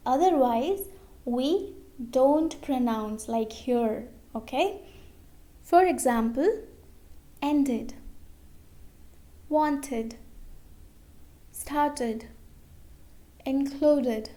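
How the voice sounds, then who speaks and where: A woman's voice: sits high, warm tone. A woman teaching English pronunciation, repeating example words and saying okay often. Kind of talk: slow explanatory lesson.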